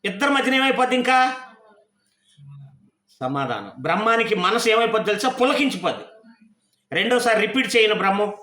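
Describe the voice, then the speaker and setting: A male preacher with a high, bright voice delivers his sermon in an echoey worship hall. He keeps throwing rhetorical questions at the congregation. The sound is roomy, with plenty of hall reflection. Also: lively intonation, brisk, pauses often. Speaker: pastor.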